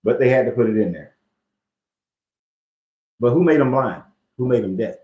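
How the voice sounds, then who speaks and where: A man's voice: medium pitch, lively intonation, moderate pace. A man hosting a casual commentary on scripture, loose and joking, with slang and cursing. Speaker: host. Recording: echoey, dull lo-fi room sound.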